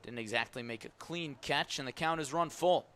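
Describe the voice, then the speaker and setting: Amid ballpark ambience and background noise on a live broadcast, an American radio announcer calls baseball play-by-play. He speaks fairly quickly in a fairly high, slightly bright voice with a clear, resonant tone.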